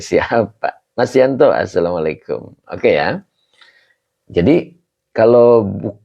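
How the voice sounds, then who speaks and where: Male religious teacher, deep gravelly voice, patient with students on a lo-fi call. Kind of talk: online kitab class. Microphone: video call. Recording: dull lo-fi call audio.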